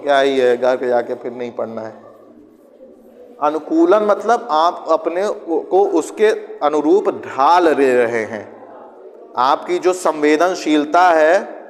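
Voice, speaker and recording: A male teacher giving a conversational classroom lecture, asking and answering his own questions and acting out students and parents in quick asides. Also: a little high, in a large hall.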